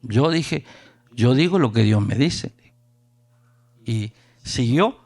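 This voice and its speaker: A man's voice: mid-range voice, slow. A man from Honduras with a Honduran Spanish accent, preaching a storytelling sermon at a youth camp and acting out the people he quotes. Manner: animated, acts out quoted voices.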